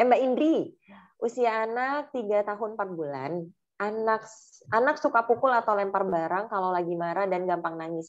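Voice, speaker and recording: A woman moderating an online session reads out questions from the audience. Her pitch sits in the middle, and the sound is muffled and lo-fi. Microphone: video call.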